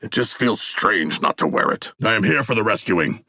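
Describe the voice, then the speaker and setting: An actor playing a huge, noble and bloodthirsty shark warrior in a video game, deep and gravelly, with formal, grandiose diction. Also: male voice, expressive, moderate pace, bright, forceful tone, no room sound, exaggerated voice. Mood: resolute, formal.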